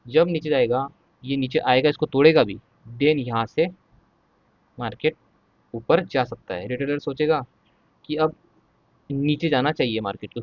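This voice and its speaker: This trading educator, a man of medium pitch, teaches chart reading casually and step by step, repeatedly asking if the listener follows, using "ठीक है" often, and saying he'll take it slowly. The recording is muffled and has no room sound.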